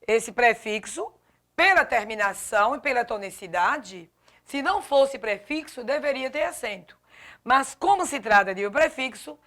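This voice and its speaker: A woman teaching a grammar lesson. She talks slowly and deliberately in a slightly high voice. She spells out letters one by one and stresses each example word. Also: fairly bright tone. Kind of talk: classroom lesson.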